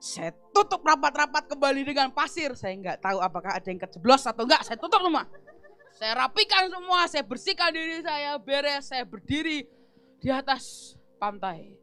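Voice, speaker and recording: A woman pastor preaching at a church service, telling a lively personal story, acting out the dialogue and laughing often. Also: high voice, normal speed, soft background music. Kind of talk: storytelling sermon.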